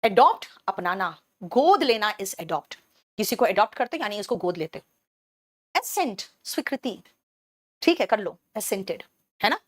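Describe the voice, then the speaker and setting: A woman from Bihar teaching English words in a live online class, briskly and in a motherly way, switching to English terms and answering students' questions as she goes. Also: on the high side, no room sound, clean studio sound. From Bihar, India. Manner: explains English words in Hindi, switching between the two.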